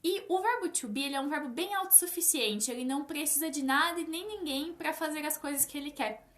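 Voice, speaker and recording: A young Brazilian woman gives a casual live English lesson in a high, bright voice. She speaks straight to her viewers and slows down to stress each example. Her voice bounces around an echoey room. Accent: Brazilian Portuguese. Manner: lively, talks directly to viewers, stresses English examples slowly. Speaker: English teacher.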